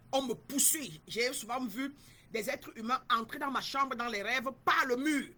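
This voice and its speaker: In this spiritual teaching, a spiritual guide from Cameroon, a woman in middle age, speaks with a somewhat high and husky voice. Her delivery is emphatic, bright and forceful, and she circles back over her points while turning again and again to the people listening.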